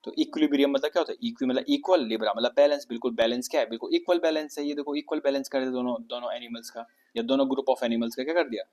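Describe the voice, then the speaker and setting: A man's voice: mid-range voice, fairly even intonation, racing, hardly any pauses, darkish tone. Man teaching vocabulary, quizzing himself. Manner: asks questions and answers them himself; spells words out letter by letter. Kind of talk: exam-prep vocabulary lesson.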